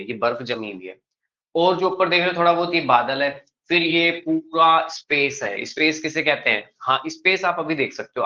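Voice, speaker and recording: A man teaching a classroom lecture, speaking calmly and without hurry and checking in with his students often. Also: medium pitch, muffled recording.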